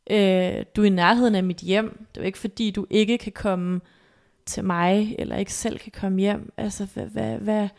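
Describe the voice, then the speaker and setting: A woman guest on a podcast, softly retelling a painful personal story, halting and emotional. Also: mid-range voice, steady tone, gravelly. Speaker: interview guest.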